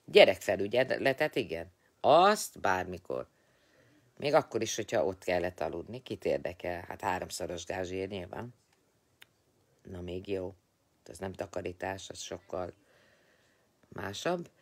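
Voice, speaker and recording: A man's voice: deep voice, expressive, creaky. A tired man hosting a casual live stream, chatting, teasing and greeting viewers by name.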